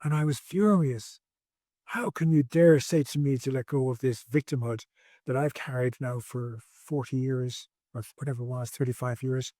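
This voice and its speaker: An earnest man in his sixties tells his personal story as a podcast guest, speaking from his home over a video call. He talks reflectively, often restarting his sentences. His voice sits at an ordinary pitch, and the recording is dry. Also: moderate pace, warm tone, no room sound. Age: 60s.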